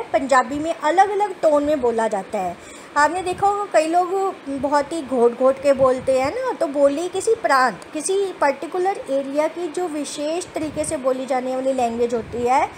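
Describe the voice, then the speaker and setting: Woman teacher, high voice, slow spelled-out phonics, patient examples, faint hiss. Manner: sounds out words letter by letter, then says them whole; patient, explains words with everyday examples. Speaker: children's Hindi teacher.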